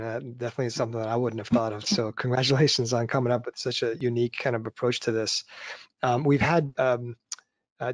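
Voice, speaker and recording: A man moderating a surgical webinar over a video call, asking questions haltingly with many fillers and restarts. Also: mid-range voice, no room sound. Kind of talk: conversational Q&A.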